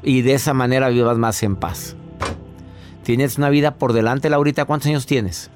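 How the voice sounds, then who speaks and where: A man's voice: mid-range voice, moderate pace, a little mellow, faint music behind. A man hosting a radio advice show, joking with his team and giving callers direct, caring advice. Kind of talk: casual advice talk.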